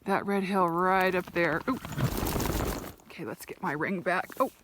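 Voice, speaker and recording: A woman's voice: fairly low pitch, measured pace, very noisy. Chatty woman vlogging from horseback outdoors. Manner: chatty, laughs often, talks to her horse. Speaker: ranch rider vlogger. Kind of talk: casual outdoor vlog chat. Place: outdoors on horseback on open range.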